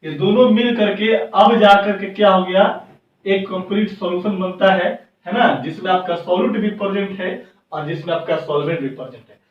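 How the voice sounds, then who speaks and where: A male chemistry teacher giving a lecture. He asks his class questions and answers them himself, and repeats words slowly while dictating notes. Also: high-pitched. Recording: distant, dull echoey room.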